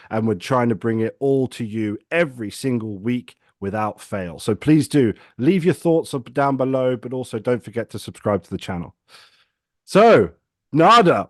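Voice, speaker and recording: A man's voice: mid-range voice, no echo. Upbeat male podcast host, dry sound. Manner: upbeat, enthusiastic. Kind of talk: podcast hosting.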